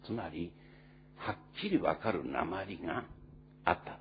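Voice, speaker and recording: Casting note: male pastor, low lively delivery, earnest and unhurried sermon with fillers, slightly muffled recording with faint hum. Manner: earnest storytelling with many pauses and fillers.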